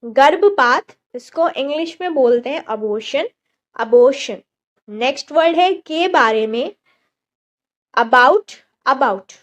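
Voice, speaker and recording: Woman reading english vocab words, high voice, slow steady pace, says each word twice. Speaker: vocabulary teacher. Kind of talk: word-list vocabulary lesson.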